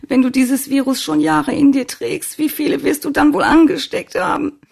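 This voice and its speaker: A woman's voice: sits low, normal speed, gravelly, darkish tone, husky, pitched above the performer's own voice, exaggerated voice. A reader voicing a distraught young woman who is crying and pleading in a German audiobook. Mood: sobbing, despairing.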